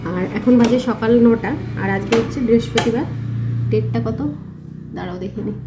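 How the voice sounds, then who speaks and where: Chatting casually to her viewers in Bengali, a woman in her thirties from India goes through her daily routine at home and out on errands. Her voice is mid-range with a slight rural Jessore-Khulna lilt, frequent fillers, and background noise.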